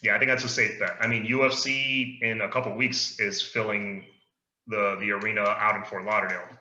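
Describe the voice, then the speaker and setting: Male co-host, casual chat, leads the talk; sharp, bright tone, roomy echo. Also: fairly low pitch, level tone, a little fast. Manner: easygoing, opinionated, leads the discussion. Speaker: podcast co-host. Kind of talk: casual chat about wrestling. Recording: echoey room, dull lo-fi sound.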